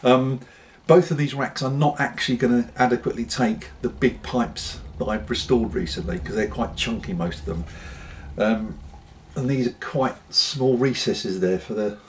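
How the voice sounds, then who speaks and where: A British man in a casual, unscripted vlog chat, talking in an unhurried, rambling way with pauses. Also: mid-range voice. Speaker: pipe-smoking vlogger.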